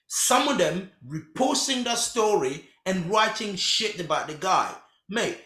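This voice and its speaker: A man's voice: a little high, fairly bright tone. Emphatic man host, roomy echo. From Africa. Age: 30s. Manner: heated, emphatic, repeats himself. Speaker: podcast host. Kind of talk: casual podcast chat.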